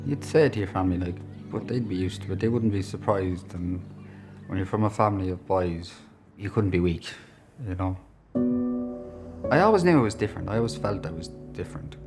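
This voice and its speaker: An Irish man with a deep, low voice tells his own story in a documentary interview, reflective and candid. Music plays clearly behind him. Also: lively intonation, brisk. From Ireland.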